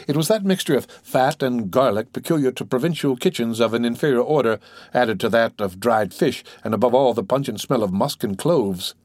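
A man reading a classic novel aloud as an audiobook narrator, in a steady, measured way, close to the mic. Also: mid-range voice, dry recording. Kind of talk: scripted narration.

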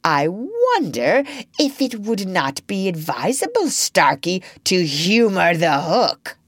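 A woman's voice: lowish voice, huge pitch swings, takes it slowly, husky, dry recording, clean studio sound, heavily acted. A woman voicing a sardonic male pirate captain in a storybook reading, theatrical and full of mock-pleasant menace. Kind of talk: storybook narration character voice.

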